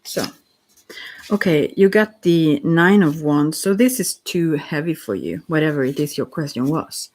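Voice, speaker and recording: A soft-spoken ASMR tarot reader who talks gently and directly to the listener, meandering through pauses and restarts. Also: mid-range voice.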